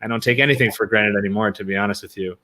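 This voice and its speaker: The American podcast host chats casually with his guest, asking long, wandering questions in a friendly way, restarting often and using many fillers. His lowish voice keeps a fairly even intonation as he races along, and a crowd can be heard behind him.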